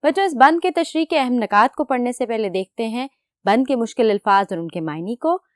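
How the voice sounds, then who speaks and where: Lively, animated woman teacher, dry sound. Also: a little high, dry recording. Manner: patient, explains slowly, asks questions to children. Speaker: school teacher. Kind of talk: recorded classroom lecture.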